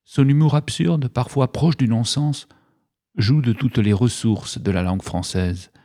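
A man reading a scripted biographical introduction in an even, informative manner. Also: mid-range voice, measured pace. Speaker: narrator introducing a guest.

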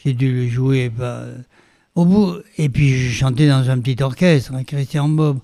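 An older man from France, a veteran stage performer telling his life story in an interview, theatrical and animated with frequent restarts. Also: mid-range voice, measured pace, dry recording.

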